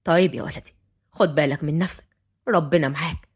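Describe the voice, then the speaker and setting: An old Upper Egyptian grandfather rules his household in a deep, firm voice, as a woman narrator puts him on. He is strict and authoritative, speaking with an Upper Egyptian accent in an audio storybook. Every order comes out heavy and final. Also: lively intonation, fast. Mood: stern. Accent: Upper Egyptian Arabic. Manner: stern and commanding.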